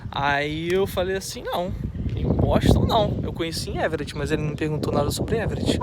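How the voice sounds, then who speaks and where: A Brazilian man telling a story in a casual, animated way, acting out both sides of a conversation. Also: a little high, brisk, very noisy. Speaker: vlogger.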